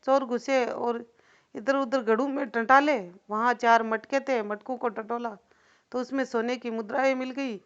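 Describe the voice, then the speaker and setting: A woman's voice: a little high, fairly even intonation, normal speed. A woman telling a devotional folk story in a loose, repetitive oral style, with asides to the listener. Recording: dull lo-fi recording.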